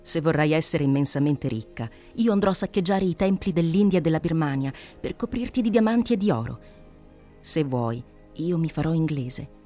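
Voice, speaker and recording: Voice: medium pitch, animated, moderate pace, dark tone, faint music behind, natural voice. Un lettore che fa un fiero pirata appassionato. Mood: ardent. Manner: fervent declaiming. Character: passionate proud male pirate chief. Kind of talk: dramatic reading of an adventure novel.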